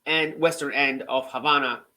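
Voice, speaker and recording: A man's voice: mid-range voice, fairly even intonation, pushed and bright. A middle-aged man from Cuba, hosting his own channel and telling his story casually, with many restarts and "right?" tags. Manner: conversational, halting with frequent restarts and "right?" tags. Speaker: author and channel host.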